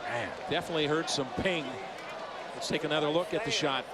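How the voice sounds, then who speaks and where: A man's voice: on the high side, fairly quick, over a noisy crowd, very noisy. A man calling a live lacrosse game as the play-by-play sports announcer.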